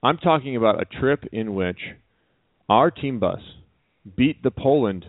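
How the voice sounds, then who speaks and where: A man co-hosting a radio talk show, chatting casually with a wry, deadpan humor. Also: mid-range voice, unhurried, no room sound. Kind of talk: casual chat. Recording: dry, phone-like narrow sound.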